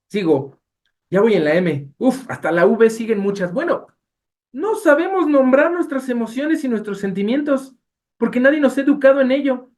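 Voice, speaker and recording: A Mexican man leading a Bible study lecture. He speaks in a lively, expressive way and keeps putting questions to the class. His delivery feels like a teacher working through a lesson. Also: very high voice, moderate pace. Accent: Mexican Spanish. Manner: animated, asks the class rhetorical questions.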